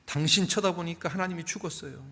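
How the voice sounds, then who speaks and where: A grieving wife who speaks with earnest reproach, as a male preacher acts her out. Her voice is lifted higher than his own, clear enough to carry. His husky tone still shows through. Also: quick pace, bright, forceful tone. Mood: reproachful. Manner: earnest, admonishing.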